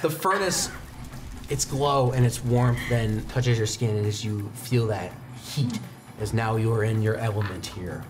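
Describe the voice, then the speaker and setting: A young man speaks in a lowish voice, a little slowly, against a noisy background with music. Seated at a desk in an indoor studio, he acts as game master for an improvised tabletop roleplaying game, describing scenes the way a storyteller would.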